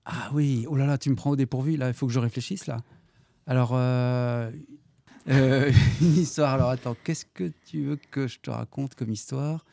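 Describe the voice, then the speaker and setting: A middle-aged history-geography teacher answers students' questions in a casual interview, hesitating with many fillers but growing animated when telling stories. He speaks at normal speed in a mid-range voice with vocal fry, and there is no echo.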